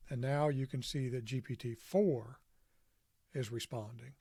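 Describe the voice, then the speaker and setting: Gravelly man explaining a screen demo. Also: medium pitch, steady tone, measured pace, mellow, no room sound, studio quality. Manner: casual, self-deprecating, thinks aloud with fillers. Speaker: podcast host demonstrating software. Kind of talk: screen-recorded tutorial walkthrough.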